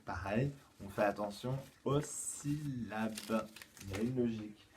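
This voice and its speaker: French teacher recording a home lesson for small kids; low, patient, slow and clear, faint room hum behind. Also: male voice, darkish tone. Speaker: kindergarten teacher. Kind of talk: home-schooling lesson for young children.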